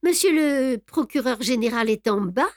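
A woman's voice: a little high, expressive, normal speed, dry recording, clean studio sound, voice pushed up, lightly acted. A woman reading the lines of a formal, fussy male examining judge.

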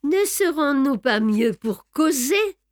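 A woman's voice: fairly high pitch, takes it slowly, no room sound, clean studio sound. A woman reading the part of a male court clerk revealed as a brutal, mocking villain, speaking curtly. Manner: mocking, curt. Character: sneering male clerk turned armed villain, brutally bold.

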